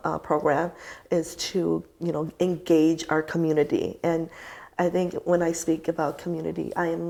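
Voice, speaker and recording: Reflective woman organizer, lowish voice. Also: level tone, brisk, vocal fry, warm tone. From United States. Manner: reflective, searching for words. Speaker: community organizer. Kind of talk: panel conversation.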